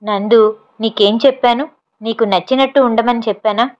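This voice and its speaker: A woman's voice: a little high, fairly even intonation, moderate pace, a little mellow, lightly acted. A woman voicing a confident young man who teases and scolds firmly, on a slightly dull recording. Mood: teasing firm. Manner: teasing, firm. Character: confident teasing young man, quick temper.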